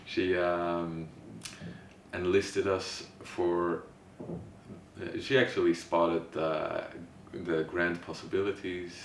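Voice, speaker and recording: Low flat-voiced man, halting and slow. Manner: halting, searching for words. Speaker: interviewee. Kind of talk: casual interview answers. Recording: distant mic in echoey room with noise.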